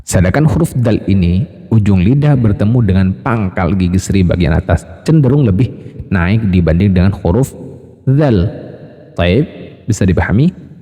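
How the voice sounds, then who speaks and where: A man teaching Quran recitation rules, patiently explaining step by step and slowly drilling each sound, addressing listeners as friends. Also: sits low, animated, mellow, big-room sound. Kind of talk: tajwid lesson with spoken demonstrations.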